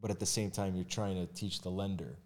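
Deep-voiced man talking candidly. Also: fairly even intonation, brisk, darkish tone. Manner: candid, conversational, with frequent fillers and restarts. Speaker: mortgage agent and realtor guest. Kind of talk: casual podcast conversation.

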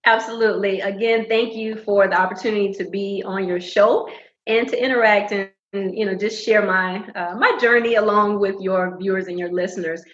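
A woman's voice: mid-range voice, fairly even intonation, normal speed, a bit bright. A middle-aged woman with a Southern US accent, giving a poised, formal interview answer that sounds like a rehearsed pageant introduction. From Georgia, US. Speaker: guest, motivational speaker. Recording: dull, roomy remote-call sound.

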